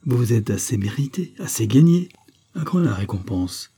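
A man's voice: mid-range voice, big pitch swings, normal speed, dark tone, slightly rough. A man playing a cheerful lawyer who teases his friends in an audiobook reading. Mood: jovial. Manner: jovial, insistent. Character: cheerful middle-aged male lawyer, teasing friend.

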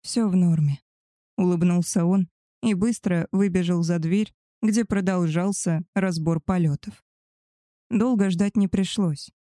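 A woman narrating a first-person audiobook with expressive readings of the characters. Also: on the low side, a little slow, dry recording, studio quality.

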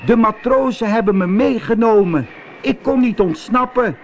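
A man voicing a small, brave young male ship's cat in a high, pleading, anxious voice. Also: a little slow, a little hiss or hum.

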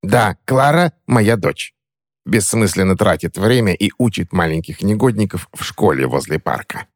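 A man's voice: low-pitched, expressive, normal speed, no echo, clean studio sound, pitched above the performer's own voice. A man voicing a suspicious, cranky old woman who threatens and snaps at an intruding boy, in a storybook reading. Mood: scornful. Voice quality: sharp, snapping, mocking.

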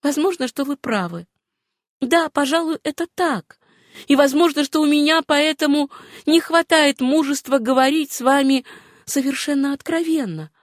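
A woman reading an audiobook voices a gentle, wistful young woman with a hard past, speaking softly. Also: high voice, normal speed, no echo, clean studio sound, pitched above the performer's own voice, natural voice.

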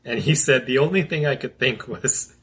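A man's voice: medium pitch, moderate pace, a bit bright, breathy edge. A man in his forties, a father, co-hosting a casual podcast and telling stories in a laid-back, chuckling way. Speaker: podcast co-host. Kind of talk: casual chat.

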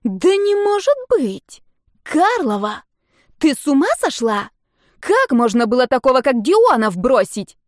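A woman's voice: a little high, sing-song, normal speed, few pauses, darkish tone, dry recording, studio quality. A woman voicing an indignant young female friend who scolds and exclaims in shock.

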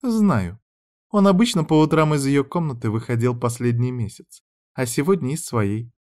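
A man's voice: medium pitch, animated, moderate pace, darkish tone, voice pushed up, close to an everyday voice. A man voicing a sly young woman in training who gossips and mocks with a sarcastic edge. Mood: teasing. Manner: teasing, sarcastic.

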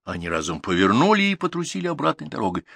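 A man reading short stories aloud as an audiobook narrator, in an expressive storytelling manner. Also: mid-range voice, quick pace, gravelly, breathy edge, no room sound. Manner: expressive, story-telling delivery. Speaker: audiobook reader.

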